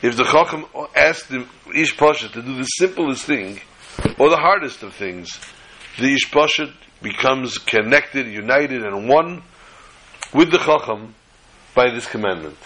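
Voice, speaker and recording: Male rabbi, forceful bright voice, deliberate religious lecture, emphatic repetition. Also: medium pitch, lively intonation, slight background noise, low-quality recording. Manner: deliberate, didactic, repeating phrases for emphasis. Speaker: rabbi giving a Torah lesson. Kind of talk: religious lecture, reading and explaining texts.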